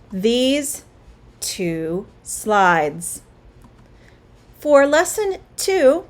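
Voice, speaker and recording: Woman english teacher, kinda high voice, slow and encouraging, really sing-songy. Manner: slow, clear and encouraging, with a very lively melody. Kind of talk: spoken English lesson.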